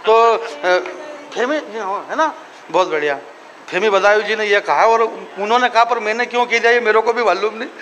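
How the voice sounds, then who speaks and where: A man's voice: high-pitched, normal speed, a bit bright. A man with a Marwari accent speaking as a poet on stage at a poetry gathering, joking with the audience in chatty asides. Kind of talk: kavi sammelan stage talk with humor. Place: large hall at a live poetry gathering. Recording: reverberant hall, faint background noise.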